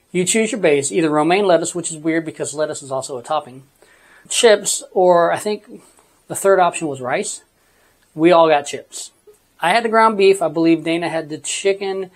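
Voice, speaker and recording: A vlogger from Texas giving a casual food review as a voice-over, relaxed and slipping in wry asides. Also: medium pitch. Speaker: theme park food reviewer.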